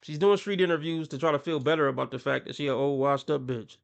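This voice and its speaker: Guy doing reaction commentary, kinda high and gravelly, mocking tone, laughs a lot. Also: fast. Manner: laughs often, mocking, puts on voices for quotes. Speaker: commentary channel host.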